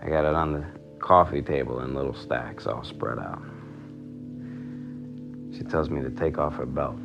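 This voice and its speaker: A crude, swaggering storyteller. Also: male voice, a bass voice, moderate pace, creaky, highs cut off. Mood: boastful. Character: crude boastful man recounting his teenage conquest. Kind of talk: film monologue. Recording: film audio with music underneath.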